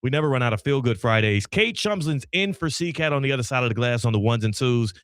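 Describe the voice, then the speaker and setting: A man hosting a sports radio show, talking in a loud, energetic and playful way. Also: mid-range voice, fast, dry recording, clean studio sound. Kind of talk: casual radio talk. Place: radio studio.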